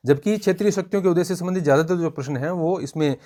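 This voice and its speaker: A man reviews an exam-prep book informally and educationally, working point by point and often repeating himself. His voice is fairly high and mellow, and he races along.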